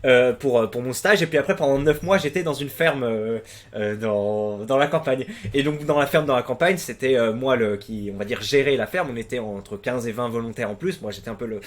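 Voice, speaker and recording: A young man from France, hosting a channel and chatting casually about forum posts, rambling with lots of fillers and restarts, swearing freely, and getting loud and animated when he retells his stories. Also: mid-range voice, a little fast. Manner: crude slang, swears freely. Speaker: YouTube host reading viewer posts.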